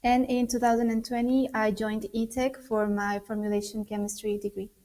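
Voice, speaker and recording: Woman from Costa Rica, fairly high but flat and mellow voice; student on a panel. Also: fairly quick. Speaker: final-year engineering student. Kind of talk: live online interview.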